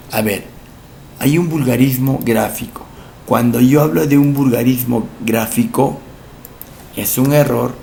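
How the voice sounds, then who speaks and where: A male language teacher, giving a recorded lesson for entrance exams, explaining slowly, repeating each word and asking rhetorical questions. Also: mid-range voice, creaky, a little mellow, slight background noise.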